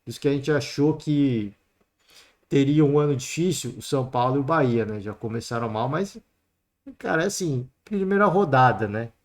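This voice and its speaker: Man, Brazilian accent, podcast host, solo football talk, chatty and loose, mid-pitched voice. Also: expressive, normal speed. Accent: Brazilian Portuguese. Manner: chatty, peppers talk with "né" and "cara".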